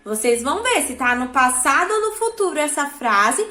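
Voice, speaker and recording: A woman's voice: sits high, very animated, normal speed, pushed and bright, reverberant. A woman teacher with a Brazilian Portuguese accent explains an assignment to her class patiently, often checking that the students follow along. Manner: patient, checks understanding with frequent tag questions. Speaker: schoolteacher. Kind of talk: classroom instruction.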